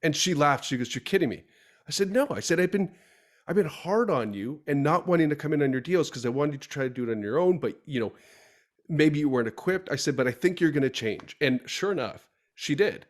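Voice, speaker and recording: A man's voice: a little high, lively intonation, fairly quick. A man hosting a podcast, telling stories casually and acting out the dialogue he quotes. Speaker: podcast host.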